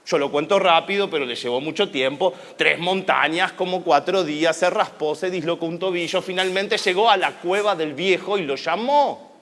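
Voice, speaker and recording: A man with an Argentine accent telling a folk tale on a conference stage, with dramatic, expressive pacing. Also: high voice, normal speed. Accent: Argentine Spanish. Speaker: storyteller. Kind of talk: live oral storytelling performance.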